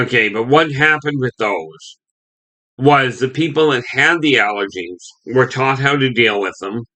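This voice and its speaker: A man's voice: mid-range voice, pushed and bright, low-quality recording. A man from Canada giving a rambling opinion monologue as a video host, often restarting and saying "okay".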